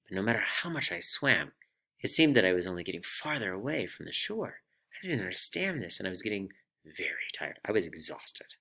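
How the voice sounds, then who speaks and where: A man hosting a personal finance vlog, telling a story in an animated, self-deprecating way. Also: sits low, brisk, gravelly. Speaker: vlog host.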